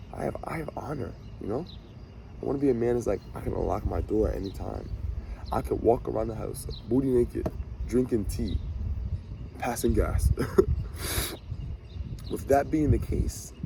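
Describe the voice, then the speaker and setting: Man in his twenties, preachy motivational vlogger, lowish voice, clear vehicle noise behind. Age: 20s. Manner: animated self-talk, preachy, swaggering. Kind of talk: motivational monologue.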